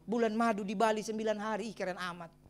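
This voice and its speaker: A middle-aged man, a pastor, preaching a sermon and telling his own story in a lively way with exclamations and chuckles. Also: sits high, fast talker. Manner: addresses the congregation as brothers and sisters. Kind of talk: sermon with personal testimony.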